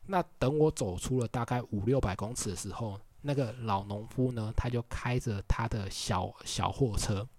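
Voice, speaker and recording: A man's voice: mid-range voice, normal speed, few pauses, a little mellow. A young man from Tainan with a Taiwanese Mandarin accent, telling travel stories in a chatty, rambling way full of filler words. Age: young adult. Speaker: vlogger on a walking trip around the island. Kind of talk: casual storytelling.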